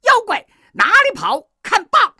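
A woman voicing a brash, fiery male monkey king who shouts in a shrill, high voice for a storybook. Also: sing-song, normal speed, dry recording, studio quality, heavily acted. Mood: fierce.

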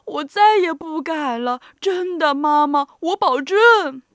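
A woman putting on a loud bellowing giant, storybook bully, dry close sound. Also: high voice, lively intonation, takes it slowly, dry recording, exaggerated voice. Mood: whimpering. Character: huge male giant, bullying then whimpering.

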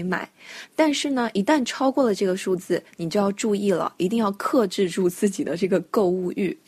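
A woman English teacher talks through vocabulary in a clear, patient way and spells words out letter by letter. Her voice sounds close and dry, with no room sound at all. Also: medium pitch, a little mellow, dry recording. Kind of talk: podcast English lesson for Chinese learners.

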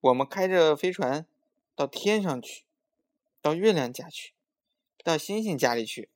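A man's voice: medium pitch, lively intonation, measured pace, vocal fry. A man voicing a pouty, competitive little boy who talks in a huffy, insistent way. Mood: excited.

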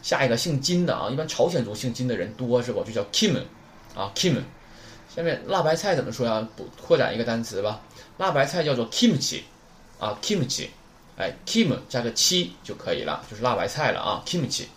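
A man's voice: medium pitch, a little fast, a little hiss or hum. A man teaching a beginner vocabulary lesson in a chatty, teasing way. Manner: lively, chatty, teasing asides. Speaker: Japanese teacher.

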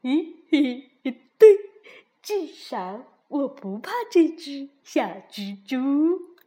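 A woman's voice: high voice, big pitch swings, very slow, warm tone, heavily acted. A woman voicing a cheeky male frog who talks in a teasing, playful, sing-song way.

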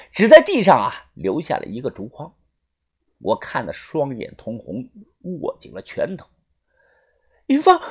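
A storyteller reading an audiobook with a dramatic, drawn-out delivery. The voice is husky and swings widely in pitch, with a mid-range tone. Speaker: narrator.

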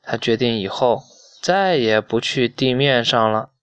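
A man slowly reading a children's story aloud to a child, in a gentle storytelling manner. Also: medium pitch, animated, smooth, no echo.

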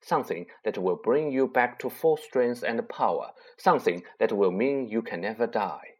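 A man voicing a solemn, wise male centaur, speaking slowly in a low, measured, hushed manner for a storybook reading. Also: animated, breathy edge. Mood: grave. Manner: slow, measured, hushed delivery.

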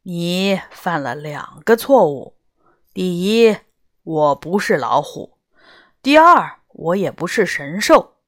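Woman doing a grumpy storybook beast guy, gruff and curt, drags his words, voice swings up and down. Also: lowish voice, big pitch swings, slow, dry recording, studio quality. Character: grumpy fierce male tiger-like beast. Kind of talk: storybook character voice.

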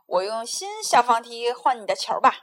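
A woman's voice: sits high, lively intonation, normal speed, a bit bright. A woman voicing a greedy, scheming little male crow in a wheedling, whiny way.

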